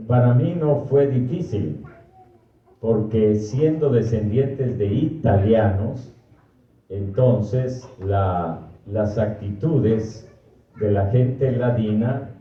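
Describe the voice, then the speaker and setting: An older man, a priest from Guatemala with a Guatemalan Spanish accent, giving a slow, thoughtful personal talk and often correcting himself. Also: on the low side. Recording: distant, echoey, muffled hall recording.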